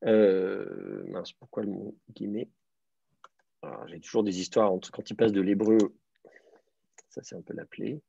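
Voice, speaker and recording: Husky, hesitant male teacher, dry sound. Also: on the low side, steady tone, measured pace, pauses often, dark tone, no room sound. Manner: hesitant, many fillers and repeated words, patient explaining. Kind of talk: explanatory online class lecture. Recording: dry, slightly dull lo-fi sound.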